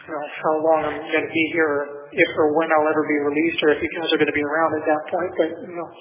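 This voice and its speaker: A man's voice: on the high side, flat delivery, quick pace, crowd noise. A man speaking on a prison phone line as an inmate calling home, in a subdued, evasive way. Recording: tinny prison phone call with line noise.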